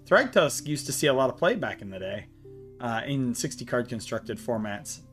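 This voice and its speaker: A man hosting a card game channel, walking through a deck and reading card text aloud in a halting way, short of breath. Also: medium pitch, lively intonation, a bit bright, faint music behind. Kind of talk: deck tech walkthrough.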